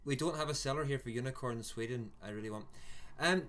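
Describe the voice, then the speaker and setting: A man's voice: mid-range voice, quick pace, a bit bright, a little hiss or hum. A man in his forties with a Northern Irish accent, hosting a casual chat stream with teasing banter. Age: 40s. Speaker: host.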